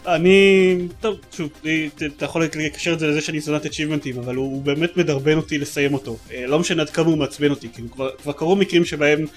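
A man's voice: fairly high pitch, fairly even intonation, hardly any pauses, faint music behind. A man co-hosting a casual gaming podcast, talking eagerly and rambling with many fillers. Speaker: podcast co-host.

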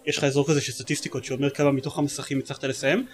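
A man's voice: medium pitch, flat delivery, soft background music. A man co-hosting a casual gaming podcast, talking eagerly and rambling with many fillers. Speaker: podcast co-host.

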